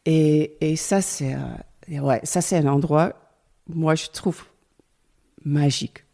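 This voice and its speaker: A middle-aged woman with a Dutch accent chats hesitantly as an interview guest, often pausing to search for words. Her voice sits very low and sounds dark and mellow. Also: vocal fry. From Netherlands. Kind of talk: casual interview chat.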